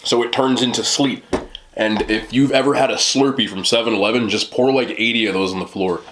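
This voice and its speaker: A man's voice: medium pitch, fairly even intonation, a little fast, fairly bright tone, slight background noise, poor audio. A man in his thirties in casual, rambling mukbang chat, joking in slang and talking between bites as he eats. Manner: talks between bites while eating. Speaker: mukbang host. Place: small indoor room, seated at a table.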